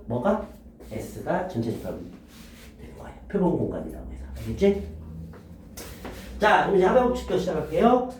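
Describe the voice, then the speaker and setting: Animated male math teacher in echoey room. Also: a little high, far from the mic, slight background noise. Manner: lively, quizzing students with rhetorical questions. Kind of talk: classroom lecture.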